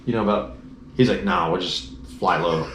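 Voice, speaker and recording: In a relaxed chat, a fairly low-voiced man from Texas's Dallas-Fort Worth area rambles through a personal story about his motorcycle trip at a moderate pace. He animatedly slips into other people's voices when quoting them. The space is roomy and echoey, with a faint hiss underneath.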